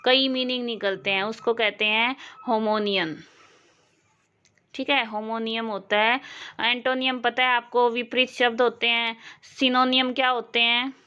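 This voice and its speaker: A woman from Haryana teaching an exam-prep English lesson, explaining slowly and checking that her learners follow. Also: fairly high pitch, pushed and bright, smooth, lo-fi sound. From Haryana, India. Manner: slow, explanatory, asks learners questions.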